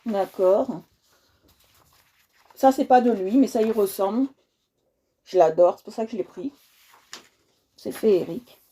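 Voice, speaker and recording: A woman's voice: medium pitch, unhurried, long pauses, warm tone, slightly rough. A woman hosting a casual coloring livestream, chatty and talking straight to her viewers, often repeating herself.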